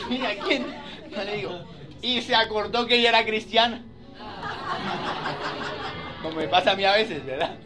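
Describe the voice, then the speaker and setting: High-voiced pastor preaching. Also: male voice, normal speed, long pauses, a crowd in the background. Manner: rises to loud emphatic scripture reading, drops to soft chatty storytelling. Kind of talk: sermon.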